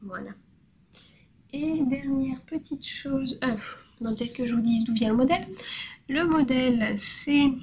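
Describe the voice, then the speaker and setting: A woman with a somewhat high voice talks slowly through her crafts, pausing often on fillers. She sounds cheerful and pokes fun at herself. Faint room noise sits under her voice. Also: darkish tone, low-quality recording. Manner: hesitant, with frequent fillers; cheerful and self-mocking. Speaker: host of a crafting podcast. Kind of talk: casual show-and-tell chat.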